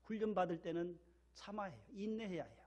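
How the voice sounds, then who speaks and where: A man's voice: high voice, lively intonation, fast, a little mellow. A man from the region of Korea, a pastor, delivering a sermon in a church and stressing key words by repeating them. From Gyeongsang region, Korea. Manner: emphatic, repeats key words, leads call-and-response. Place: church sanctuary.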